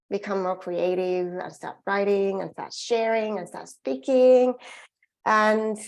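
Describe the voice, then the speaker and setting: A middle-aged Finnish woman with a Finnish accent gives an earnest, encouraging webinar presentation as a well-being coach. Her voice is on the low side with vocal fry, and she often restarts her phrases.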